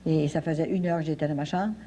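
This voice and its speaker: A woman's voice: low voice, steady tone, fast talker, mellow, a little hiss or hum, rough recording. A woman gives a folksy personal testimony at a religious retreat, telling her story with many fillers and repetitions. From French Canada. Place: retreat hall.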